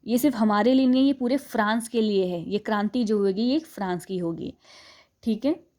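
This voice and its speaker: A young woman teaching a history class, reading English lines slowly and then explaining them in a Hindi-English mix, often checking in and correcting herself. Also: a little high, a little mellow. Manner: self-correcting, stops to fix pronunciation.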